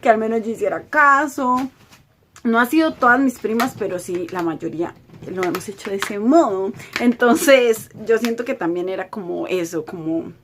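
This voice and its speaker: A woman's voice: on the high side, moderate pace, fairly bright tone, slight background noise. A young woman, telling a personal storytime with emotion, often repeating herself. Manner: emotional, repetitive retelling. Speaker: vlogger.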